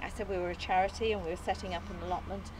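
Fairly low in pitch, fairly even in intonation and rapid-fire, an older Englishwoman reads her opening speech from notes as an allotment group founder. She's outdoors on an open field, earnest and modest, with small hesitations and light laughs. The background is noisy, and only a distant camera, no mic, captures her.

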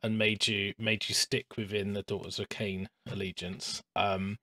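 A man's voice: lowish voice, a little slow, no echo. A man hosting a podcast from his home hobby room, chatting casually with lots of fillers and restarts. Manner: relaxed and chatty, with frequent "um" and restarts. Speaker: podcast host.

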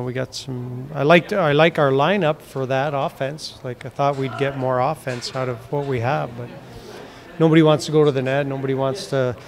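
Blunt hockey coach, middle-aged man. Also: medium pitch. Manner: blunt, plain-spoken, frequent fillers. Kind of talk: postgame press interview. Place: indoor press backdrop. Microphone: handheld mic held near the chin.

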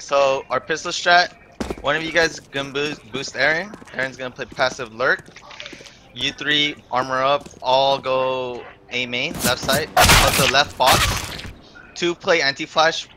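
A man with a mid-pitched voice acts as team caller in a shooter. His instructions are terse and tactical, spoken casually over a noisy voice chat with gunfire and clicks. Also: fairly even intonation, a little slow, sharp tone.

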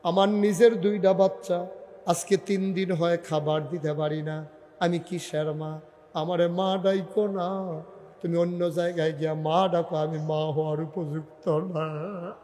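A man's voice: a little high, little pitch movement, measured pace, dark tone, in a large hall, natural voice. A male preacher voicing a poor, desperate mother of hungry children, in a pleading, sorrowful manner. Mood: despairing.

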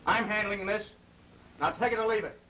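An actor playing a firm, resolute man in a 1930s crime film, deliberate and insistent. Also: high-pitched, sharp tone. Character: firm, resolute man bargaining for children's safety. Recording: distant, noisy 1930s film soundtrack.

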